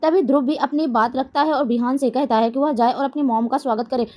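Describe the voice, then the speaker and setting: A woman narrating a scripted plot recap of a TV serial episode in a steady storytelling manner. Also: high-pitched, quick pace. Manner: steady storytelling of scene events.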